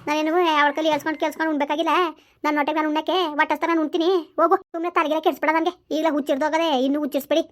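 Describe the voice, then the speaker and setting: Woman doing a cranky village mother-in-law, talks super fast and high, snaps at everyone. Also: flat delivery. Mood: scolding. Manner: sharp and dismissive, cuts others off. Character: bitter, scolding village mother-in-law, middle-aged. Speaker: village skit actor. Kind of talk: homemade village family drama.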